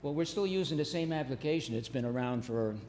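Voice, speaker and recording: A man serving as fire chief, answering a board's questions in a halting way with restarts, his voice going hoarse. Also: medium pitch, expressive, a little mellow, slight background noise. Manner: halting, hesitant, many restarts. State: losing his voice. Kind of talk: public meeting testimony. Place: public meeting room. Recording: long reverb of a meeting hall.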